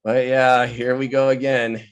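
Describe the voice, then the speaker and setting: The recording is rough, and the man speaks a little slowly at a medium pitch, yet he stays animated, laughing often and voicing the people he quotes. As the playwright and director of a virtual table read, he tells casual stories over an online video call, captured on the call's microphone.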